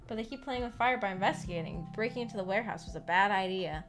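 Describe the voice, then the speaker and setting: A fast-talking woman with a medium-pitched, slightly bright voice hosts a casual livestream for a visual novel book club. She reads comments and answers them in a rambling, hesitant manner that frequently trails off, with background music playing.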